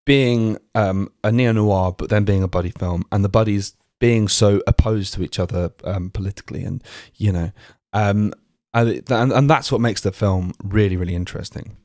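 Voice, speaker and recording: A man co-hosting a podcast, discussing a film in a rambling, halting way with many fillers. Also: on the low side, darkish tone, no room sound, clean studio sound. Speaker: podcast co-host.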